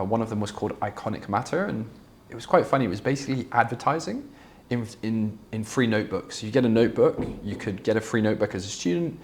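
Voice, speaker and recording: A low-voiced Belgian startup founder whose first language is Flemish gives candid, conversational answers as an interview guest. He talks fluently but with many fillers and restarts.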